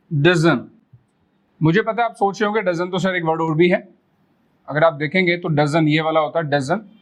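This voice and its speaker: High-pitched male English tutor; coaxing, drills words and sentences slowly for learners to repeat. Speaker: English teacher. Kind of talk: spoken English lesson.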